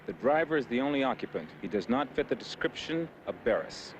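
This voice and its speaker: A firm, dutiful patrol officer played by a man in a 1970s TV crime drama. His mid-range voice moves widely in pitch, clipped and formal, under very loud traffic noise. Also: big pitch swings, brisk, natural voice. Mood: formal, businesslike.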